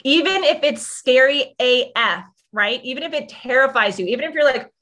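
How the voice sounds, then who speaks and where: A woman's voice: high-pitched, expressive, normal speed, a bit bright. A woman business and mindset coach giving a casual motivational talk, chatty and effusive, full of "like" and swearing.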